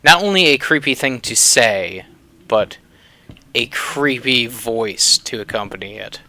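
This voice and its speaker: A man giving casual, rambling commentary while playing a horror game, often with fillers and low mutters. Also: animated, measured pace, pushed and bright. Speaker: game reviewer. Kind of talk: casual let's-play commentary.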